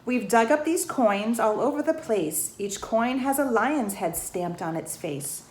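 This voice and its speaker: A bank employee with a fairly high voice reads a rhyming picture book to children at a measured pace. She reads expressively, adding asides and questions for her listeners, in a roomy, echoey space with faint background noise.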